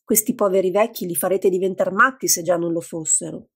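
A woman with a gravelly, husky voice voicing an agitated, impatient young woman in an audiobook. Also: fairly low pitch, fairly quick. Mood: exasperated. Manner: sharp, impatient.

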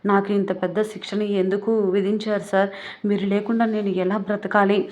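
A woman's voice: medium pitch, level tone, fairly quick, darkish tone, close to an everyday voice. A woman reading a despairing young woman. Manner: lamenting, pleading.

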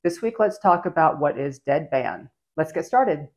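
A woman in her forties who hosts an HVAC channel walks through a control concept step by step using whiteboard drawings. She speaks clearly and steadily at a moderate pace in a low voice. She's in a home office with shelves and a neon sign, with no room sound audible.

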